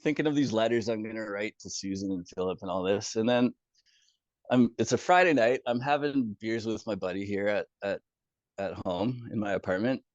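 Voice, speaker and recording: A man casually recounting his own experience as a guest, animated and swearing freely, with chuckles along the way. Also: fairly low pitch, normal speed, no room sound. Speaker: former community moderator telling his story. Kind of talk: casual first-person storytelling. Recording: dull, dry, somewhat lo-fi sound.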